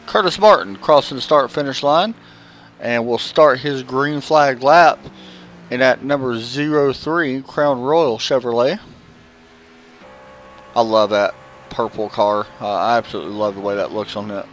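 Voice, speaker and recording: A man's voice: mid-range voice, a little slow, slight background noise. A man with a Southern US accent giving casual, chatty live race commentary and interviewing drivers. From American South. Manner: casual, chatty, with frequent fillers. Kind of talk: live sim-racing commentary.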